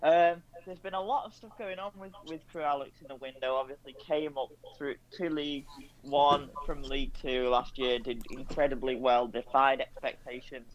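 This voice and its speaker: A man's voice: mid-range voice, steady tone, normal speed, lo-fi sound, slight background noise. A man co-hosting a casual football stream, blunt and candid, sounding frustrated.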